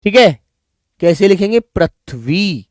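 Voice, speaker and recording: A man teaching a Hindi spelling class online, coaxing students and repeating words slowly. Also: high voice, lively intonation, a little mellow, no room sound, studio quality.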